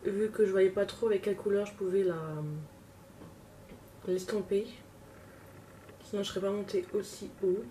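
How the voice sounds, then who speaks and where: A woman's voice: mid-range voice, little pitch movement, normal speed, pauses often, mellow. Chatty woman doing her makeup on camera. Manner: chatty, self-mocking, talks while working. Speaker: beauty vlogger. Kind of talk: casual makeup tutorial chat. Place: home, at a makeup table. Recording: distant mic with clear room noise.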